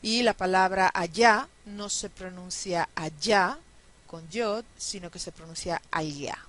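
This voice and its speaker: A woman's voice: lowish voice, fairly even intonation. A woman teaching a phonetics lesson, repeating example words carefully and checking in with her students. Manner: deliberate, checks in with listeners. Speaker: language teacher. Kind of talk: recorded lecture on Spanish phonetics.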